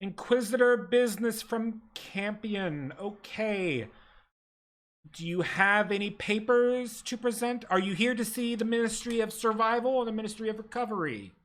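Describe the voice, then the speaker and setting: A man's voice: sits high, normal speed, fairly bright tone, voice pushed up. A man voicing a brusque female government desk clerk with officious, bureaucratic politeness.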